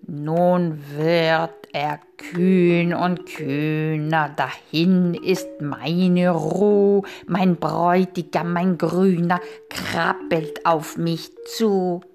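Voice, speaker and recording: A woman voicing a lovestruck female frog who sings drawn-out, sing-song verses about her beloved, for a storybook fable. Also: fairly low pitch, fairly even intonation, darkish tone, faint music behind. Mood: swooning.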